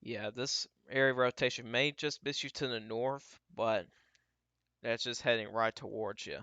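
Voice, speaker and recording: A man giving casual, off-the-cuff live weather radar commentary as a livestream storm tracker, halting and repeating himself as he talks through what he scans. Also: medium pitch, fairly even intonation, sharp tone, dry recording, highs cut off. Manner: talks to himself while scanning, halting and repetitive.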